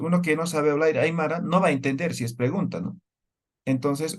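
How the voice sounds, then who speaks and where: Higher-pitched male teacher quizzing his class. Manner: explains step by step and keeps checking with the class through questions. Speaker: language teacher. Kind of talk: classroom lecture.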